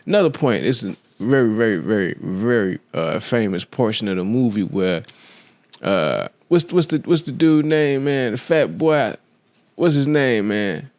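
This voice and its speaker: A podcast host tells a film story on his own show, analyzing it in a casual, slangy monologue and acting out the quotes as he goes. His lowish, darkish voice is very animated yet unhurried, with no echo.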